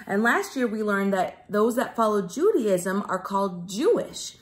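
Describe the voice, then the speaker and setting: A woman teacher speaks at medium pitch and a little slowly as she reads aloud to young children, using an expressive storytelling voice and simple explanations.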